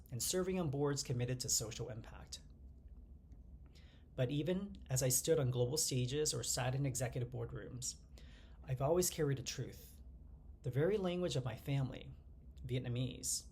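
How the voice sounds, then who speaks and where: A man in his forties from the United States, speaking to the camera in a measured, earnest personal monologue as the channel's host. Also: a little high, gravelly, a little mellow, a little hiss or hum. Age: 40s. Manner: earnest, measured delivery in short phrases, glancing at notes.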